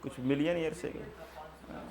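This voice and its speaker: A man teaching a geography class, repeating terms slowly for notes and answering his own questions. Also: fairly high pitch, fairly even intonation, a little mellow. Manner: repeats key terms slowly for students to write.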